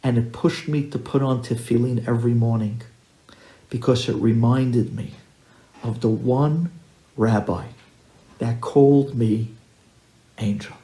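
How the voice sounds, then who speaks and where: A male storyteller voicing a grateful teenage boy who was once a troublemaker, speaking softly and earnestly. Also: medium pitch, fairly even intonation, a little slow, long pauses, close to an everyday voice. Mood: tender. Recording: roomy echo.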